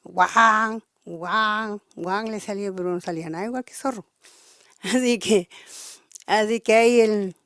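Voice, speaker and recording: A woman with a Chilean accent telling a traditional folk tale aloud, halting and often restarting her phrases. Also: mid-range voice, darkish tone, dry recording, clean studio sound. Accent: Chilean Spanish. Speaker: storyteller.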